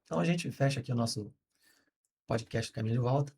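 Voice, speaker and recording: A man's voice: medium pitch, fast, gravelly, darkish tone, slight background noise. Man hosting a podcast. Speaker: podcast host. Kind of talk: podcast interviewing.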